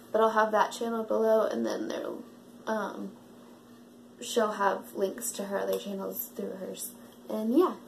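A woman's voice: medium pitch, creaky, a little hiss or hum, low-quality recording. A young woman vlogging in a casual, rambling way, full of fillers and self-mocking asides. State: out of breath. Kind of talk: casual chat to camera.

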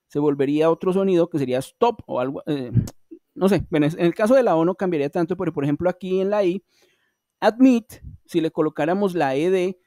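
A man with Spanish as his first language, teaching English in an online class. He walks through each rule patiently, speaking directly to his students. His voice sits a little high, and the sound is close and dry with no room around it. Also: mellow, no room sound.

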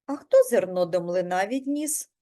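A woman's voice: lowish voice, lively intonation, normal speed, dark tone, pitched below the performer's own voice, natural voice. A woman doing a hardworking storybook rooster. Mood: questioning. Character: hardworking patient male rooster. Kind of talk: storybook reading for children.

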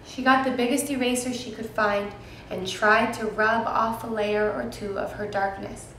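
Woman teacher, gentle storybook read-aloud, talks to the kids; very echoey room, faint hiss. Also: fairly high pitch, normal speed. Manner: gentle, expressive, asks listeners questions. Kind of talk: children's picture book read-aloud.

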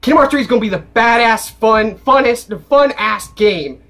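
A young man reacting to a video game trailer, excitable, yelling and cursing. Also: sits high, normal speed.

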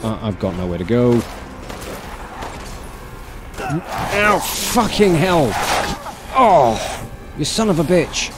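A man in his thirties streams a video game from a gaming setup in an indoor room, talking close to the mic in a casual, exasperated, sweary way. His voice sits on the high side and has a sing-song lilt, moving slowly with long pauses. Game music and sound effects play behind him.

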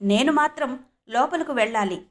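A woman voicing a polite, poor-looking old man who speaks gently and patiently. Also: high-pitched, lively intonation, moderate pace. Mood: calm.

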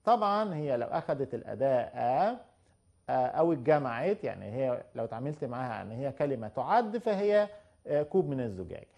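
A man with an Egyptian Arabic accent teaching English to beginners, drawing out his English examples slowly and giving quick explanations in between. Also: mid-range voice, animated, vocal fry, dull audio.

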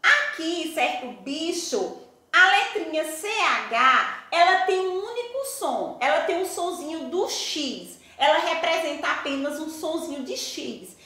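A woman's voice: very high-pitched, sing-song, measured pace, pushed and bright. A Brazilian woman teaching a primary school class. She explains patiently, step by step, and asks the children rhetorical questions. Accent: Brazilian Portuguese. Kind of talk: recorded class lesson. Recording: echoey room.

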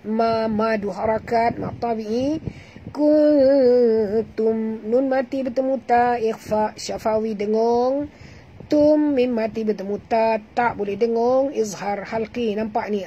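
A low-quality recording with slight background noise captures a woman with a Malaysian Malay accent leading an online Quran recitation class. Fairly high-pitched and warm, she explains and demonstrates the tajwid rules, patiently repeating sounds and correcting pronunciation.

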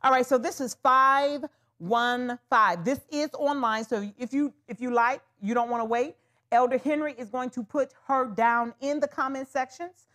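A woman's voice: high voice, moderate pace, fairly bright tone. A woman hosting a live wig sales show, talking casually to viewers, calling them honey and y'all as she pushes the deals. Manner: chatty, calls viewers honey and y'all, hard-selling. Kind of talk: live shopping stream chat.

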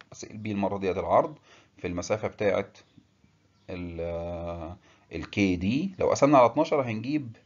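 A man with an Egyptian Arabic accent giving a technical engineering lecture, explaining step by step with filler pauses and English terms. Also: lowish voice, a little mellow, muffled recording.

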